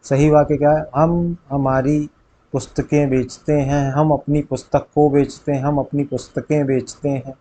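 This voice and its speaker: A man with a warm, medium-pitched voice and a north Indian Hindi accent tutors for exams, reading out grammar questions with their options and then announcing the right choice. The recording sounds rough.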